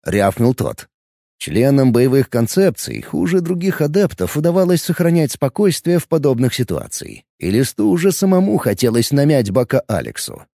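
A male audiobook narrator with a gravelly, dark voice that swings widely in pitch as he tells the story. The recording is dry and close, with no room sound. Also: sing-song, moderate pace, dry recording. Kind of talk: scripted narration.

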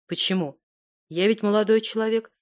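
A young male detective, calm and unbending even under threat, as a woman reading the story puts him on. He speaks in a steady, low-key way, a storybook hero with quiet resolve. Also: moderate pace, close to an everyday voice. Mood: calm defiant.

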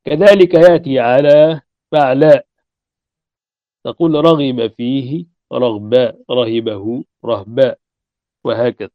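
A man's voice: mid-range voice, steady tone, measured pace, long pauses, no room sound. A male teacher giving a recorded lecture, reciting lines of a grammar poem and then explaining them patiently with examples, sometimes checking in with his listeners. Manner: checks in with listeners and clears his throat often. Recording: dull, dry lo-fi recording.

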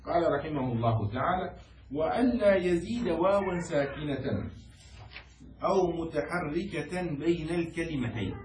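Teacher in an echoey room, slightly high voice. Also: male voice, animated, a little slow, darkish tone. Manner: often checks that the students follow; quizzes students and has them repeat words. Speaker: Islamic law teacher. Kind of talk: classroom lecture explaining a text. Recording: echoey room, distant mic, faint noise.

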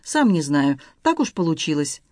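A woman's voice: deep voice, sing-song, moderate pace, a little mellow, no room sound. A woman reading the lines of a guarded, wry man in an audiobook, matter-of-fact and slightly teasing. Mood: calm.

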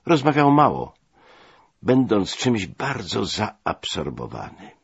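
Man reading a memoir out loud, slow, lots of swing in his voice, muffled sound. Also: lowish voice, huge pitch swings, husky, no echo. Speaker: narrator.

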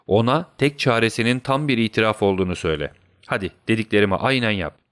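Man reading as a commanding, brisk detective. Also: on the low side, fairly bright tone, smooth, no echo, lightly acted. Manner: brisk and directive. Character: sharp, commanding male detective, middle-aged.

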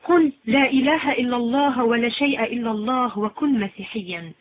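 A calm mystic seer speaks with slow, solemn certainty, as a woman reads her part. The voice sits fairly high. The sound is thin and lo-fi, like a phone line. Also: close to an everyday voice.

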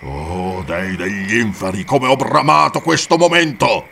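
A man voicing Conan, a raging gravelly barbarian. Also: on the low side, a little slow, pushed and bright, distant mic, a little hiss or hum, full character voice. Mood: furious. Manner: snarling, raging, frenzied. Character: furious vengeful barbarian warrior, male adult.

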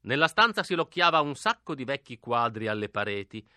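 A male narrator reads a literary novel with expressive, acted dialogue, sinking to a hush for whispered lines. His voice is mid-pitched and bright, caught close and dry in a studio. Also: brisk, no room sound. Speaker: audiobook narrator. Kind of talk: literary audiobook reading.

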